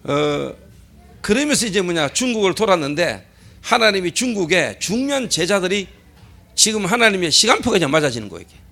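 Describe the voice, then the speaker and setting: A man's voice: high voice, very animated, a little fast, gravelly, pushed and bright. A middle-aged male pastor preaching a sermon at a church service. He keeps posing rhetorical questions, answers them himself, and repeats key phrases for emphasis.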